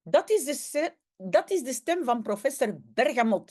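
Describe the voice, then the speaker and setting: A woman with a Flemish accent, a language teacher reading a comic aloud and explaining each line, with lively bursts when she voices the characters' cries. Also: high voice, measured pace.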